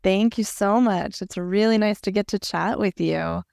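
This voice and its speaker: A woman's voice: medium pitch, normal speed, gravelly, a little mellow, no echo, studio quality. A woman co-hosting a podcast, speaking in an upbeat, welcoming way. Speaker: podcast co-host. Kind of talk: casual podcast chat.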